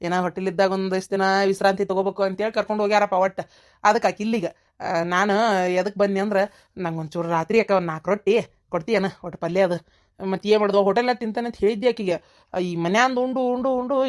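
A woman's voice: mid-range voice, natural voice. A woman voicing a grown son in a cartoon, coaxing and pleading with a North Karnataka accent. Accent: North Karnataka Kannada.

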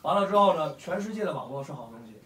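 A man in his forties with a Beijing Mandarin accent hosts a meetup for fight fans, speaking in a fairly bright, higher-than-average voice. He talks to the crowd casually but bluntly and heatedly, rapid-fire and animated, with frequent swearing. The room is echoey and the mic sits at a distance.

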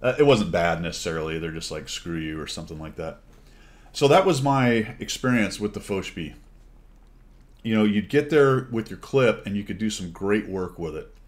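Deep-voiced man commenting on gameplay. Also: animated, normal speed. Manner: chatty, wry, exclaims and laughs at plays. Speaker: gaming channel host.

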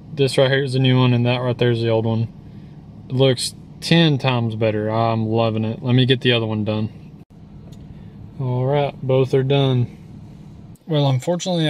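A young man hosting a casual car vlog, talking in a relaxed, rambling way with many fillers while working inside a parked car. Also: medium pitch, slight background noise. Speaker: car vlogger.

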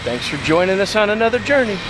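A man's voice: high voice, big pitch swings, fast talker, noisy background. A middle-aged American man hosting a travel vlog, talking upbeat and chatty to a camera held at arm's length outdoors. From United States. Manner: upbeat, enthusiastic presenter. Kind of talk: casual travel vlog narration. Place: outdoors and in a car while traveling.

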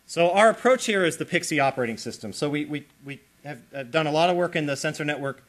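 A man lecturing on computer science, explaining with lively emphasis and checking in with his audience. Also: fairly high pitch, fast talker. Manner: animated, explanatory, checks in with listeners. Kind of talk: academic lecture.

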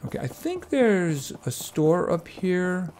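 A man's voice: high-pitched, sing-song, slow, a little mellow. A man streaming a farming game, chatting casually and making wry asides. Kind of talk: casual gameplay commentary. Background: game music.

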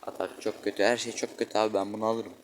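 The audio is poor, with some hiss or hum, as a gaming channel host offers casual, slang-filled commentary on a football video game indoors. He speaks quickly in a fairly low, flat voice, grumbling and exclaiming at every play while children shout outside.

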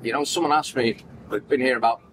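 Fast and medium-pitched, this animated Manchester storyteller, a podcast guest from Manchester, England, acts out quoted dialogue and gestures broadly during a relaxed storytelling interview. There's background noise, as the setting is an indoor event backdrop at a farmers market.

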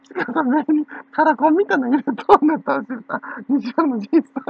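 A woman's voice: high-pitched, lively intonation, brisk, creaky, dry recording. A woman with a Kansai accent rambling in a gossipy, teasing way and breaking into laughter again and again. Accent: Kansai Japanese. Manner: giggly, keeps breaking into laughter. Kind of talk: rambling casual monologue. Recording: dull lo-fi recording.

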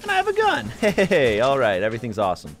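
A man in his twenties bantering and teasing friends in excitable gaming commentary on a close microphone. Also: mid-range voice, fast. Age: 20s. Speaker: gamer in a group challenge video. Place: indoor office gaming room. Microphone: close boom-arm microphone, headset on. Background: music.

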